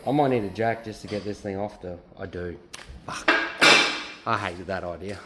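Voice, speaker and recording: A man's voice: low-pitched, moderate pace, heavy background noise. An Australian man vlogging casually from his garage workshop as he preps his drift car, rambling and swearing as he talks. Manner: rambling and profane, laid-back storytelling. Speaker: car builder and drift driver.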